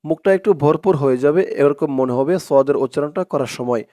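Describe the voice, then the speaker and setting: A man teaching Quran reading, spelling out Arabic words letter by letter and chanting them slowly for viewers to repeat. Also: a little high, warm tone. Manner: slow, patient drilling with drawn-out chanted recitation; addresses viewers directly as "dorshok".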